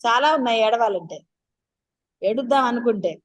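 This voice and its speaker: A woman's voice: fairly high pitch, animated, a little fast. A woman giving a spiritual discourse as a teacher, talking straight to her listeners and firing off rhetorical questions in a chatty, coaxing way. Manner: addresses listeners directly.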